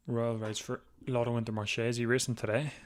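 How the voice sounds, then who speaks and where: A man talks through a race on a live stream, slightly hoarse, with a middle-pitched voice. He rambles loosely, stumbles over repeated words and clears his throat now and then, close to a desk mic at home. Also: flat delivery, fast. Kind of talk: casual live race watchalong commentary.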